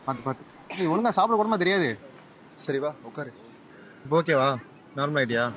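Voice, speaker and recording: An actor playing Karthick, a caring young boyfriend who speaks gently and coaxingly, with music under the dialogue. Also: male voice, a little high, brisk. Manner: coaxing, gentle, then flat and firm. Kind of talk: romantic web series acting.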